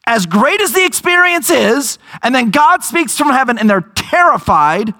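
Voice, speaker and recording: A man preaching a sermon, telling a scripture story with emphatic, drawn-out phrases and lively storytelling. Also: very high voice. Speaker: pastor.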